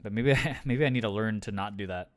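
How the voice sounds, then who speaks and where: A man's voice: on the low side, quick pace. A man livestreaming, rambling in casual chat with viewers, his throat sore from talking. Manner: rambling, filler-heavy, frequent restarts.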